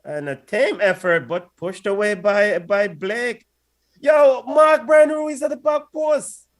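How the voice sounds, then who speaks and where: Speaking slowly in a high-sitting voice, this match commentator and co-host calls the action casually on a watch-along stream. He keeps appealing to the players and the referee.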